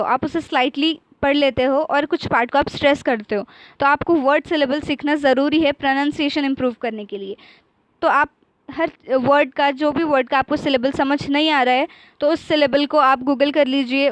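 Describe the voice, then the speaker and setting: High-voiced woman teaching English tips. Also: no room sound, rough recording. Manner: mixes Hindi and English, slows down for English phrases. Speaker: YouTube English-tips host. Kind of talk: casual tutorial talk to camera.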